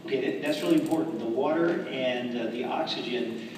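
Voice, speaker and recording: A man, an astronaut, answering students' questions in an earnest, measured way over a space station radio downlink. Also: medium pitch. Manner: earnest, measured, with frequent restarts. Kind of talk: casual explanatory answers. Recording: echoey, distant, noisy radio link.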